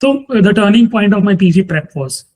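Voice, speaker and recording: A man's voice: sits high, animated, brisk, a little mellow. A man hosting an interview, delivering prompts and scripted remarks. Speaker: interview show host.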